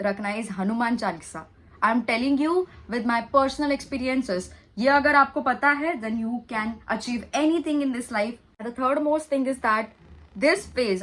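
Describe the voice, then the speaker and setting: A woman speaks in a slightly high voice in a casual storytime vlog, confiding and earnest. She mixes Hindi and English as she talks to her viewers. Her delivery is slow overall but breaks into quick bursts. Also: low-quality recording. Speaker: vlogger.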